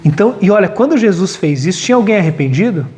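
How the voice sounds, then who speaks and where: A male pastor preaching a lively sermon at a church retreat, with humor and acted-out quotes. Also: high-pitched, fast, a little hiss or hum. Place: large hall at a retreat. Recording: long hall reverb.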